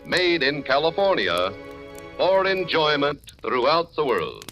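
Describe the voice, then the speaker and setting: A man pitches a product in 1940s radio style, genial and emphatic. His bright voice swings widely in pitch, with faint music behind it on an old recording. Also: wildly swooping pitch, slow pace. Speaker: commercial pitchman. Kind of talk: 1940s radio advertising read.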